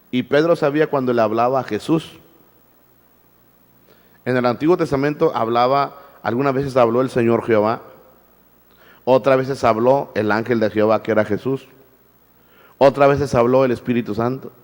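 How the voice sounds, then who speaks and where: A man's voice: mid-range voice, darkish tone, big-room sound. A male pastor preaching a sermon, firing rhetorical questions at the congregation and repeating his words. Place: church.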